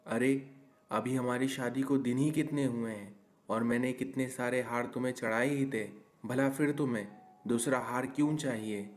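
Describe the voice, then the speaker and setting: A man's voice: mid-range voice, a little mellow, lightly acted. A man voicing a stubborn young newlywed husband in a cartoon story, grumbling and exasperated.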